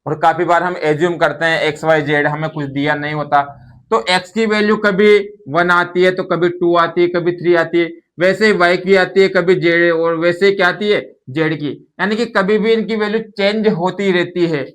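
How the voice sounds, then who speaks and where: A man's voice: high-pitched, fairly even intonation, normal speed, fairly bright tone. A man teaching a maths lesson, explaining patiently and often asking questions and answering them himself. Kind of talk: classroom-style maths lesson.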